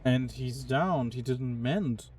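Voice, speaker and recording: Background noise accompanies a young man's slow, medium-pitched voice as he streams a game. Puzzled and chatty, he offers casual commentary and talks directly to his chat.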